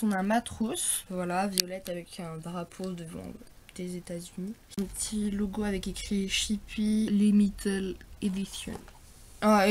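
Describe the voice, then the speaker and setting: A woman's voice: mid-range voice, darkish tone, slight background noise. A teenage girl in a casual vlog, showing her school bag and talking in a chatty, hesitant way with many fillers. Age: teens. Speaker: vlogger.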